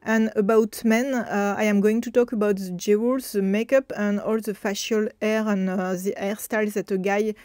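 A woman with a strong French accent, a native French speaker, hosting an educational talk on historical fashion, talking in a halting way with many fillers and repeated words. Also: medium pitch, fairly even intonation, darkish tone, dry recording. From France. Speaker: host.

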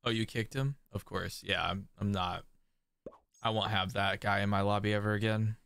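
A man streaming a strategy game, commenting live, excitable and laughing often, breaking into disbelieving exclamations. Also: on the low side, moderate pace, creaky, clean tone, no echo, studio quality. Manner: laughs often while talking.

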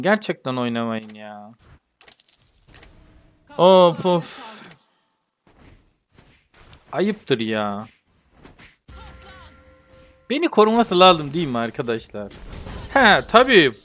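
A man's voice: mid-range voice, sing-song, takes it slowly, long pauses, fairly bright tone. A young man from Turkey commentating his own mobile game like a football match, joking and grumbling at his teammates. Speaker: gaming streamer. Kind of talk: gameplay commentary.

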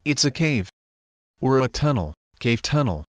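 A man's voice: medium pitch, very animated, unhurried, no echo. A man voicing a wily, flippant pirate captain in a motion comic, with a wordy, theatrical manner. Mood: sly, flippant. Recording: background music under the voice.

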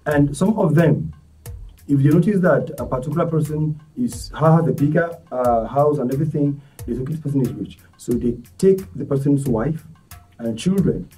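Earnest man, dark, distant. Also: on the high side, lively intonation. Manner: earnest, halting, many restarts. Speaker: guest, charity volunteer. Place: studio set. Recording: distant mic, faint music behind.

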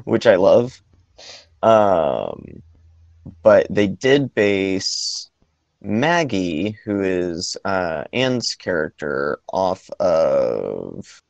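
A man's voice: deep voice, sing-song, drawn-out words, vocal fry, no echo, dull audio. A man co-hosting a casual movie podcast, talking in a hesitant way with lots of ums and restarts. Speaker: podcast co-host.

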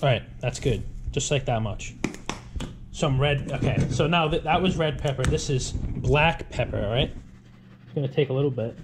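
A man's voice: mid-range voice, normal speed. A man, narrating a casual home cooking vlog in an informal, emphatic way, often repeating his phrases. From Rhode Island, USA. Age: 20s. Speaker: home cook vlogger. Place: home kitchen, indoors. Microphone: action camera, close or at arm's length. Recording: clear background noise with clicks.

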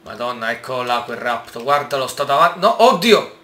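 Excitable gamer man in an echoey room. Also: mid-range voice, a little fast. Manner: excitable, swears and exclaims often, talks to viewers. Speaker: gaming YouTuber. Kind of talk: casual gameplay commentary.

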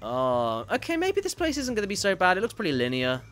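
A man's voice: high-pitched, huge pitch swings, fairly quick, fairly bright tone, faint music behind. A man streaming a video game, chatting casually and reading viewer messages aloud, rambling and correcting himself as he goes. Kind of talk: casual gameplay commentary.

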